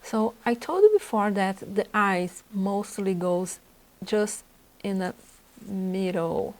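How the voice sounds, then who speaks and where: Speaking slowly in a darkish, mid-range voice, a woman with a Brazilian Portuguese accent, Portuguese being her native language, leads a portrait drawing demonstration as an art instructor, thinking aloud while she sketches. The recording quality is low.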